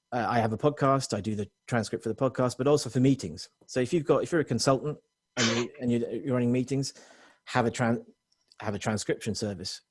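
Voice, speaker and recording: A man working as a technology consultant, giving a quick webinar presentation to business owners with frequent restarts and self-corrections. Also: lowish voice, a little mellow, husky, no echo, clean studio sound.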